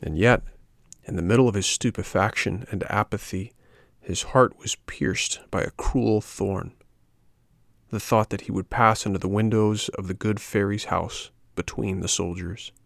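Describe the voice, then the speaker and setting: Low-voiced man reading a classic storybook. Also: fairly even intonation, measured pace, creaky, a bit bright, no echo, studio quality. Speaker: narrator. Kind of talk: scripted storybook narration.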